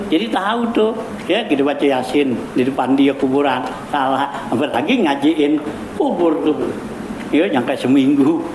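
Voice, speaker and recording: A man teaches a religious study circle in a loose, conversational way, dropping constant fillers and chuckling as he goes. His voice sits a little high for a man. The recording has the echo of a large hall, with steady background noise. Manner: casual, repetitive fillers, chuckles while teaching. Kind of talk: informal Islamic study lecture. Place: prayer hall.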